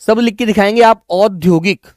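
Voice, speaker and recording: A man with a fairly high voice teaches an online language class, recorded dry and close. He calls his students "child", repeats each word slowly, and keeps nudging them along. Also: darkish tone, dry recording. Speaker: Hindi teacher.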